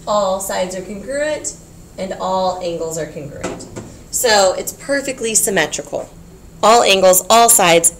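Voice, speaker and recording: A woman's voice: mid-range voice, slight background noise. A woman teaching a geometry class, explaining patiently, repeating key points and checking in with her students. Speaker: math teacher.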